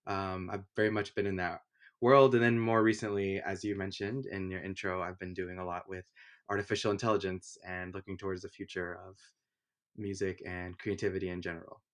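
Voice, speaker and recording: A young Honduran man who works as a music producer talks casually in an interview, his voice low and fairly quick. He sounds relaxed and rambles, with plenty of fillers and restarts.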